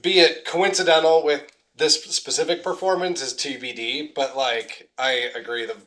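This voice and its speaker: A man's voice: on the high side, steady tone, moderate pace, a bit bright. A man in a casual reaction chat who gives a blunt critique and restarts his sentences often.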